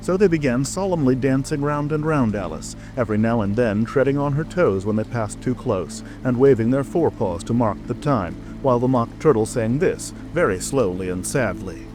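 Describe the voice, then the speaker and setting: A man's voice: mid-range voice, expressive, moderate pace, hardly any pauses. A man narrating a storybook audiobook in a scripted reading style. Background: rain ambience and music.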